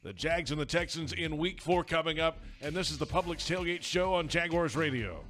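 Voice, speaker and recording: A man's voice: a little high, fairly quick, fairly bright tone, faint music behind. An American man hosting a sports pregame show on the radio.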